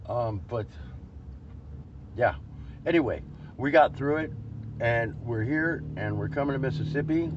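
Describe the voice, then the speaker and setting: A man vlogs from his car, rambling and emotional as he restarts his thoughts. His voice sits a little low. The recording is muffled and lo-fi, with faint road noise underneath. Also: a little mellow. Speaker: vlogger. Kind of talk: casual vlog monologue. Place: in a vehicle on a road trip.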